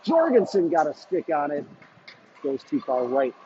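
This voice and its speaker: A man doing live hockey play-by-play commentary in quick, clipped calls that jump up on shots. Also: on the high side. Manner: rapid clipped calls, bursts of excitement on shots. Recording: dull lo-fi stream audio with noise.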